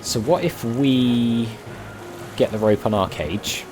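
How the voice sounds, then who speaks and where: Lively male gamer thinking aloud. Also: medium pitch, slow pace. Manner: musing aloud, questioning. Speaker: gamer, let's play host. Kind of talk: casual game commentary. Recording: game music behind.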